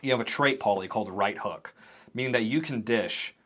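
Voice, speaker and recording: A man running a tabletop game as game master, narrating the scenes in a vivid, animated way. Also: fairly low pitch, fairly quick.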